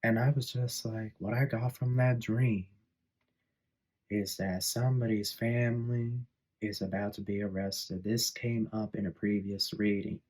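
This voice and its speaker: Low-voiced man rambling through a reading. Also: little pitch movement, measured pace, darkish tone, poor audio. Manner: rambling, filler-heavy storytelling. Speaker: tarot reader. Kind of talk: casual spoken tarot reading.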